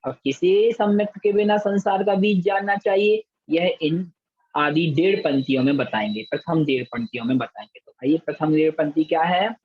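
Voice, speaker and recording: A man with a slightly high, darkish, breathy voice teaches a scripture class, chanting verses in a slow, drawn-out way syllable by syllable, then explaining each word briskly. It's a call-and-repeat recitation lesson, recorded in muffled, dry lo-fi audio.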